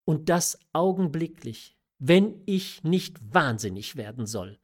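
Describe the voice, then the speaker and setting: A man's voice: a little high, sing-song, slow, full character voice. A man reading aloud who voices a desperate, pleading young noblewoman in a classic story. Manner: emotional, imploring. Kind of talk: audiobook reading of a classic novella.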